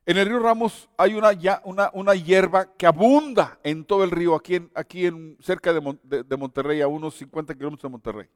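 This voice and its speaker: A man's voice: high voice, a little fast, hardly any pauses, no echo, studio quality, long reverb tail. A man preaching a sermon and telling his own testimony, earnest and exhorting.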